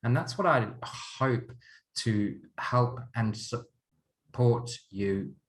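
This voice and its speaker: A man's voice: mid-range voice, expressive, very slow. A man in his forties from Zimbabwe, introducing an online course over a video call in an earnest, open way. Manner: earnest, open, chuckles often. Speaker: counselor and program leader.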